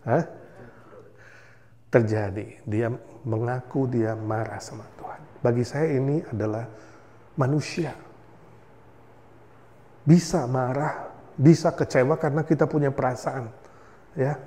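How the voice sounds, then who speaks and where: A man with an Indonesian accent preaching a sermon as pastor, animated, swinging from soft to loud and mixing in English words. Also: mid-range voice, a little slow, pauses often.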